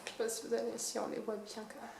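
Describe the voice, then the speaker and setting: Woman, high voice, casual beauty review, hesitant fillers, echoey room. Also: completely flat delivery, quick pace, vocal fry, background noise. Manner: chatty, hesitant, self-deprecating. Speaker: beauty vlogger.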